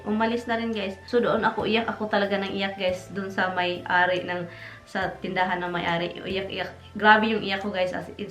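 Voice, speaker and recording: Filipina vlogger who keeps saying "guys". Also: female voice, medium pitch, a bit bright. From Philippines. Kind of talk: casual storytime monologue. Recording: echoey room with faint music.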